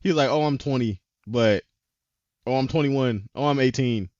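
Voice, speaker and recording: Co-hosting a casual podcast that recaps anime episodes, a man retells scenes animatedly and acts out the characters' lines. His voice is medium-pitched and a little mellow, at a moderate pace, though the recording is muffled.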